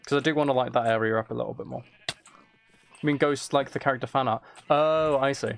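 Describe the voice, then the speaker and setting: A brisk, mid-range voice with vocal fry and a steady tone belongs to a man streaming games casually. He mutters while playing, repeats phrases, and chats with viewers, reading and replying to their messages.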